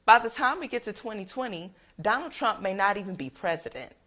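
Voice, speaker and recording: A woman anchoring a news broadcast, reading the stories in a measured, even newsreader manner. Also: mid-range voice. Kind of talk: read news report.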